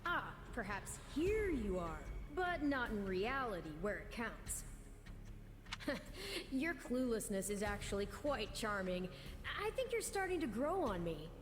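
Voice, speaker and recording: A woman's voice: a little high, sing-song, a little slow, music in the background. A woman voicing a haughty, childlike otherworldly being in a video game, with a formal, teasing, condescending manner. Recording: long reverb, loud background ambience.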